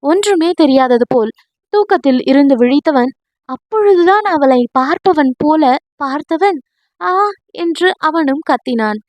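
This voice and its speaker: Brief: woman audio-novel narrator, high voice, steady read, dry close mic. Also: moderate pace, no room sound. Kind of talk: scripted narration of a romance novel.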